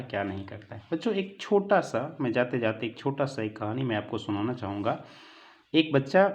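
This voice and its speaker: A man gives an online lesson in an earnest, fatherly way and keeps calling his listeners children. He mixes English words into Hindi and his pitch sits in an ordinary middle range. The recording sounds muffled and lo-fi. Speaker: teacher. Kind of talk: online lecture with a moral talk.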